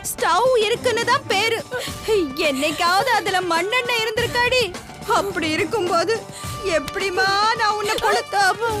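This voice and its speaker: An actress playing a scheming mother-in-law accused of cruelty, wailing her protests, over loud serial music. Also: very high voice, moderate pace. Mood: indignant pleading. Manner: wailing protests, frequent cries of dismay.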